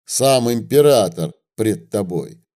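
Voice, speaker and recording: A man voicing a drunk, fat, brutish male rebel chief who bellows slow, heavy threats. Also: lowish voice, expressive, dark tone. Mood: bullying.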